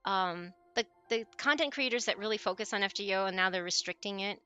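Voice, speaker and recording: A woman's voice: medium pitch, a little fast, bright, forceful tone, clear, resonant tone, highs cut off. A woman live streamer talking casually to her chat in a rambling, conversational way. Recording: music playing behind the voice. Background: background music.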